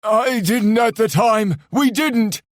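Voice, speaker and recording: A woman's voice: a little high, takes it slowly, no room sound, clean studio sound. A woman doing a terrified begging elf man. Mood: pleading. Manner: shaky, pleading, raised voice. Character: terrified young male elf captive begging. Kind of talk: audiobook narration.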